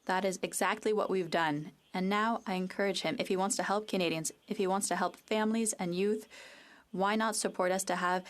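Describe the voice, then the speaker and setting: A woman interpreting a parliamentary debate live, in a measured, neutral way with uneven phrasing. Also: medium pitch, steady tone. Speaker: simultaneous interpreter.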